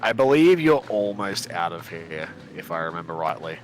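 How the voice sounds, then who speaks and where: A man's voice: deep voice, very animated, normal speed, slight background noise, low-quality recording. A man casually explaining a horror game's story and symbolism to a player on a live stream, talkative and full of fillers.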